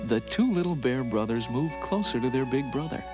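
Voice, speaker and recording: A man reads a children's bedtime story aloud with a lively, rising and falling voice, gentle and sing-song in his delivery. The sound comes off a worn VHS tape copy, with music playing clearly underneath. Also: medium pitch, brisk. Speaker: storybook narrator. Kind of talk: scripted children's story narration. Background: soft background music.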